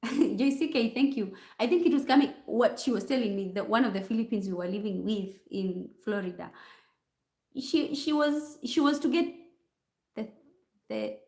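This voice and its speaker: A woman's voice: a little high, animated, normal speed, a little mellow. Chatty Kenyan woman on a roomy livestream. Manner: chatty, mixing in Swahili phrases. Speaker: nurse. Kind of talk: livestream chat answering viewer comments. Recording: roomy echo.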